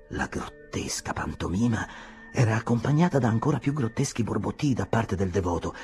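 A male audiobook reader narrating a classic novel with lots of drama, his pitch moving a great deal. He slows and swells with the story, over faint music behind him. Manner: dramatic, shifts pace and loudness with the story. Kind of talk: expressive literary narration.

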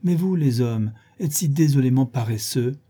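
A man's voice: mid-range voice, animated, normal speed, warm tone, slightly rough. A man voicing a gushing, affected young society woman, effusive and teasing in a theatrical way.

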